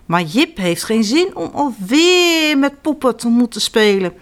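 Woman storyteller for kids, expressive and lively, fairly high voice. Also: a little slow. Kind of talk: reading children's stories aloud.

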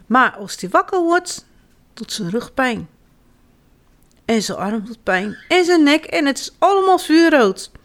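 Woman reading bedtime stories to kids, lively, swoopy sing-song voice, kinda high. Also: a little slow. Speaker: children's storyteller. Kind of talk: reading children's stories aloud.

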